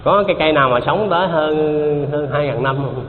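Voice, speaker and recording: A man's voice: on the high side, brisk. A man giving a Buddhist dharma talk, conversational, repeating himself and quizzing his listeners. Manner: conversational, repeats himself, asks the audience questions. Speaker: Buddhist teacher. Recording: dull lo-fi hall recording with faint noise.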